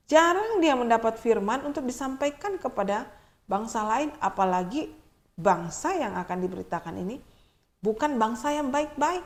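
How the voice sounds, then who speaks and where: A woman preacher delivers a sermon with lively storytelling. She addresses the congregation directly and often, and her delivery swings between emphatic and hushed. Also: mid-range voice. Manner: animated storytelling, often addresses listeners as brothers and sisters.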